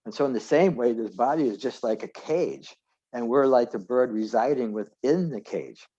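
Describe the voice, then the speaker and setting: A man's voice: mid-range voice, normal speed, dark tone. A man giving an informal scripture class over a video call, rambling and correcting himself as he goes. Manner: rambling, self-correcting, digressive. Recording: dull lo-fi video call audio.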